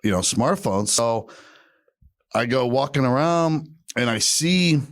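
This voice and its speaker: A man's voice: medium pitch, lively intonation, slow, dry recording, clean studio sound. A man with an American accent, casually telling a comic story in an informal, crude way. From United States.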